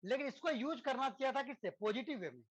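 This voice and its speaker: A man's voice: very high voice, lively intonation, fast, slightly rough, rough recording. Chatty male teacher asking tag questions. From India. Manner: conversational, constantly checks in with tag questions; rhetorical questions and homely examples. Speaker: physics teacher. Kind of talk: lecture to students.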